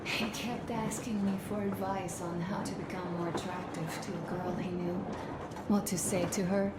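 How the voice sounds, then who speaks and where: A woman playing a tender, pensive young wife who talks softly and intimately to her husband in a video game. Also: medium pitch, steady tone, normal speed, close to an everyday voice. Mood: mournful. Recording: game audio with clear background noise.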